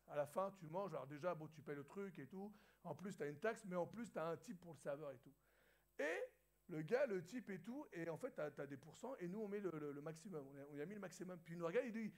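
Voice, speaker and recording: A man from France, a pastor, telling a lively anecdote in a sermon to his church, acting out the dialogue and laughing as he goes. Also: sits high. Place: church hall.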